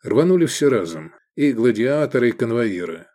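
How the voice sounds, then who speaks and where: A man narrating an audiobook in a measured, expressive reading style. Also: mid-range voice. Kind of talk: scripted narration.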